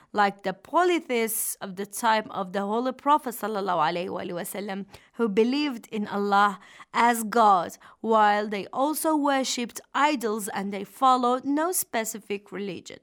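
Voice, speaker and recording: A woman radio host speaks in a fairly high voice. She presents a religious talk formally, explaining as a teacher would. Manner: formal, didactic.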